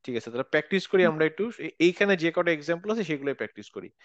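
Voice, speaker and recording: A man's voice: on the high side, expressive, rapid-fire, dry recording, dull audio. A man teaching Quran recitation rules in an online class, patiently explaining step by step. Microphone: video call.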